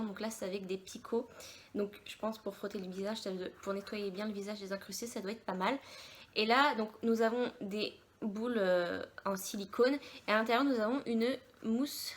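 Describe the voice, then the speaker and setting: A woman's voice: mid-range voice, slight background noise. Chatty woman unboxing beauty products. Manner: chatty, meandering, thinking aloud. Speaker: beauty vlogger. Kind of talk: casual unboxing chat.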